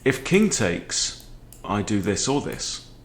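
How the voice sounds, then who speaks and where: In a sing-song, lowish voice, a chess video host in his forties takes his time commentating on a game. He keeps it casual and conversational, often checking in with short questions, from a book-lined room at home.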